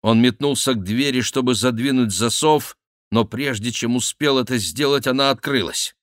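A man narrating an adventure novel as an audiobook, steady and measured. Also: mid-range voice, dry recording, clean studio sound.

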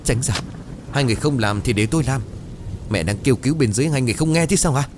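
A man voicing a desperate middle-aged son who shouts frantically in a storybook ghost tale. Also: medium pitch, animated, quick pace, slight background noise, voice pushed up, lightly acted. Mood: frantic.

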